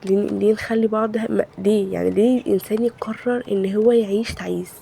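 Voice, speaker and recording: Woman, Egyptian accent, has a cold, very fast, mellow dark tone, casual vlog voice-over. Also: medium pitch, steady tone, creaky, a little hiss or hum. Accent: Egyptian Arabic. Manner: heated, rhetorical venting with repeated questions. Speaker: home vlogger.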